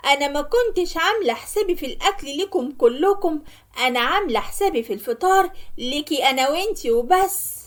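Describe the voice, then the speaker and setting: Woman doing a snappy egyptian sister in a cartoon story, high voice, scolds a lot. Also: animated, a little fast. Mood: dismissive. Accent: Egyptian Arabic. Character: sharp-tongued stingy Egyptian woman, the narrator's sister.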